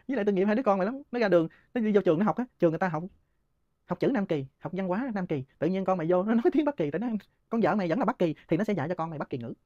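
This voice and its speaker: A man's voice: sits high, lively intonation, a little mellow, no room sound, muffled recording. A man, hosting and answering listener questions in a heated, scornful monologue punctuated by laughs. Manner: rapid, scornful ranting with frequent laughs.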